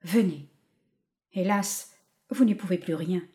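A woman reading aloud voices a gentle male doctor, her speech lower and hushed. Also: takes it slowly. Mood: grave. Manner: low, hushed and soothing.

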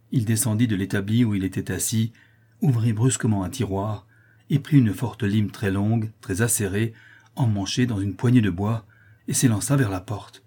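A man reads a novel aloud in a measured, dramatic storytelling manner. His voice is lowish, dark and mellow, with a husky grain. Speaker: narrator. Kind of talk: audiobook narration.

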